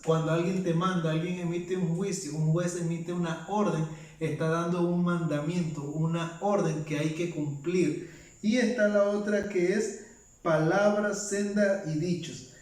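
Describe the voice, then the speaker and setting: Guy with a fairly high voice doing casual bible teaching, lots of "what? ..." questions to himself, sounds a bit far from the mic. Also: a little mellow. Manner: explanatory, asks himself rhetorical questions; reads verses aloud one after another. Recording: very echoey room, mic at a distance.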